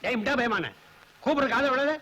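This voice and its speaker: An actor playing a brutal, short-tempered husband who barks orders. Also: male voice, very high voice, a little fast, sharp tone, full character voice, poor audio. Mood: angry. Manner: barking orders.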